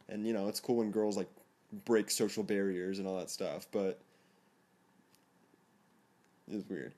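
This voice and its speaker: A teenage boy telling a story to his camera in a casual vlog, rambling and self-conscious, often laughing and jumping into a higher, excited voice. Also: a little hiss or hum. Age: teens. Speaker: vlogger.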